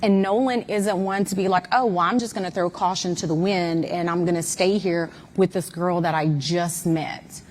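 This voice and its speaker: A woman's voice: lowish voice, steady tone, normal speed, few pauses, a little hiss or hum. A mother giving an interview guest's candid, emphatic account of events, with many fillers.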